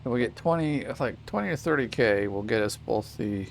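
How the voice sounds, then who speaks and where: A man's voice: medium pitch, lively intonation, brisk, creaky, slight background noise. A man casually commenting on his gameplay at his home desk, rambling and correcting himself, with a small child beside him. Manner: rambling, self-correcting, chatty asides to a child. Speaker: gaming channel host.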